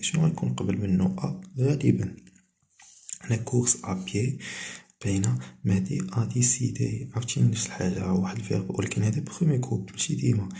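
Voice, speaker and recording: A man with a Moroccan Arabic accent, a teacher going through primary-school French exercises and reading the French sentences out slowly. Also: on the low side, vocal fry, warm tone. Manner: switches between Moroccan Arabic and slow, careful French dictation.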